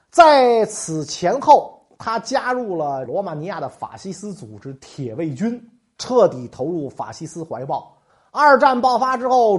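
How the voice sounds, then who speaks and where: A history podcast host spinning a comic tale in casual, slangy speech full of jokes. The voice rises and falls with very lively pitch, pushing the story along with animated energy. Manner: colloquial, joking, slangy asides.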